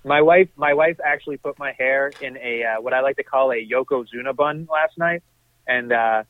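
A man's voice: mid-range voice, normal speed, dry recording. A man co-hosting a podcast remotely, chatting casually about sport as a fan. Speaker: podcast co-host. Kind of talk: casual wrestling fan banter. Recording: tinny phone-like remote line, dry.

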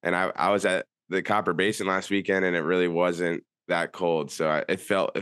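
A man's voice: sits low, level tone, normal speed, fairly bright tone, clear, resonant tone, no room sound, studio quality. A man co-hosting a casual podcast, talking in an easygoing, chatty way. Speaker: podcast co-host. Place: Anchorage.

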